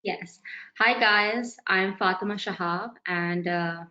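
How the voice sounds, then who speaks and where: A woman in her twenties, originally from Pakistan, introducing herself as a panelist in a soft-spoken way with "uh" pauses. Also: medium pitch, lo-fi sound. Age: 20s. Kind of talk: self-introduction.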